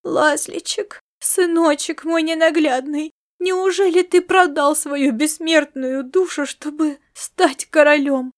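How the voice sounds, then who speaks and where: A fierce old grandmother, superstitious and quick to anger, shrieking curses high and loud, as a woman puts her on in an audiobook. Her voice sits well up in pitch and sweeps widely, scolding one moment and whispering the next. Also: steady tone. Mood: tearful. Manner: shrill scolding, turns to sobbing and whispers. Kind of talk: audiobook character voice.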